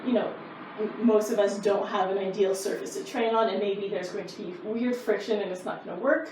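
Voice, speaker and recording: A woman's voice: medium pitch, steady tone, brisk. A woman karate instructor explaining techniques in a casual, easygoing, informal way. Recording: roomy echo, distant mic, faint noise.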